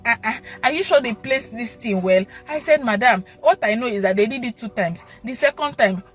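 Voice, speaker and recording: A young Nigerian woman giving an earnest church testimony, addressing the pastor as papa and rising to shouts and tears. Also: on the high side. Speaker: testimony giver.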